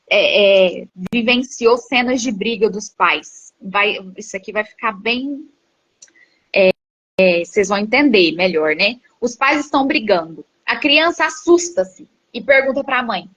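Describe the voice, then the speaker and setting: A Brazilian woman psychologist talks through a book in a live session. Her voice is bright and slightly breathy, set a little high, and the dull, dry stream audio sounds lo-fi. She explains with rhetorical questions and plenty of fillers. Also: lively intonation, a little slow, no echo. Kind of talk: live book-study talk.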